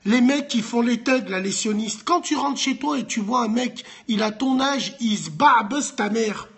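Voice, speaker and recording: Male call-in host, husky, high-voiced, with North African influence, blunt slang. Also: moderate pace, a bit bright. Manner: blunt French street slang, Arabic interjections. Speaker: host of a live street debate call-in. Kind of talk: heated casual debate in French street slang.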